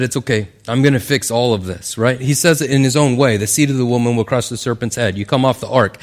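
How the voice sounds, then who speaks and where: Earnest male preacher. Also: a little high. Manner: earnest, conversational preaching with frequent "right?". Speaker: pastor. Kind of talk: sermon.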